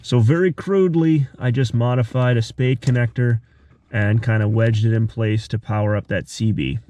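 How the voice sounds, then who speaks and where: His voice is medium-pitched and mellow. Hosting a DIY car electronics tutorial, he walks through the hands-on work step by step, voicing his thoughts as he does it.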